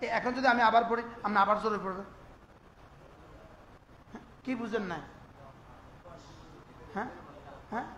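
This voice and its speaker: High-voiced male preacher in an echoey space. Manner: questions the crowd often, slow drawn-out chanting of prayers. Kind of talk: sermon. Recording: echoey with faint ambient noise.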